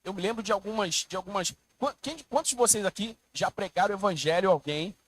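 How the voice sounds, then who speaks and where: Pastor preaching, higher voice. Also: male voice, fast talker, slight background noise, rough recording. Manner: storytelling with shifts from hushed prayer to rising, emphatic preaching. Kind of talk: sermon. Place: church.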